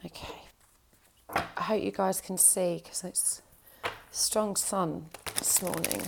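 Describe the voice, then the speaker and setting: A woman with a croaky, gravelly voice, still recovering from an illness, chatting warmly while she draws tarot cards. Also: fairly low pitch, background noise. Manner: chatty, reassuring, thinks aloud while drawing cards. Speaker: tarot reader. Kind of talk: casual tarot reading.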